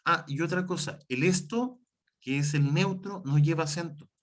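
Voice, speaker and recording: A male teacher gives an online lecture and keeps adding examples. His voice sits a little high for a man. He often stops to correct himself mid-sentence. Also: normal speed. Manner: explains with many examples and self-corrections.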